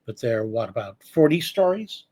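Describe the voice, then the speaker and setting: A man hosting a radio interview, talking in a halting way with frequent pauses and restarts. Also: mid-range voice, sing-song, dark tone. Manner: halting, with many fillers and restarts. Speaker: radio show host.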